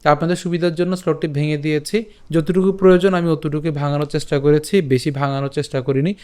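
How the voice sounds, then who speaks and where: A man with a Bengali accent teaching pronunciation, breaking words into syllables and repeating them slowly, asking and answering his own questions. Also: a little high, level tone, a little mellow, clear, resonant tone. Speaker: Sanskrit recitation teacher. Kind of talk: patient pronunciation lesson.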